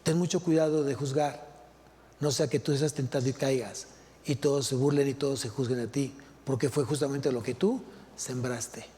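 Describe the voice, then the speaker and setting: A man's voice: mid-range voice, steady tone, moderate pace, mellow. A male pastor with a Mexican Spanish accent preaching a sermon, asking rhetorical questions and repeating key phrases. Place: large church hall. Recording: long hall reverb.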